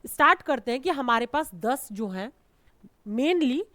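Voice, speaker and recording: Indian woman grammar teacher, high-pitched, patient explainer, dry recording. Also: expressive, a little slow, pushed and bright, no room sound. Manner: explains patiently, calls students "beta"; repeats and checks with "theek hai". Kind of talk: classroom grammar lesson.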